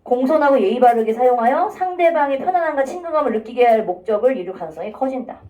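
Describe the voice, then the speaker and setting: Animated woman teaching in an echoey classroom. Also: high voice, quick pace, far from the mic. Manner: chatty, animated, acts out student voices. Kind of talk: classroom lecture.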